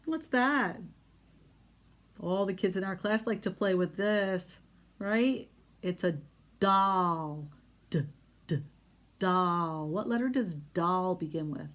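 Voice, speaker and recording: A woman teaching young children phonics, slowly modeling sounds in an exaggerated way and asking encouraging questions. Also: fairly low pitch. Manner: encouraging, question-and-answer talk with pauses.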